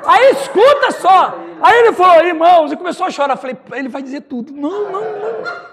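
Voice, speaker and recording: Animated high-voiced Brazilian pastor. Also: male voice, a little fast. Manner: animated, laughing, acts out dialogue. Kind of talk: storytelling during a Bible study.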